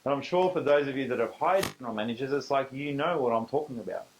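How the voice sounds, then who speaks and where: A man's voice: medium pitch, quick pace, a little hiss or hum, low-quality recording. A middle-aged man with an Australian accent, presenting a live business seminar in a conversational, emphatic way. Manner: conversational, emphatic, acts out quoted dialogue.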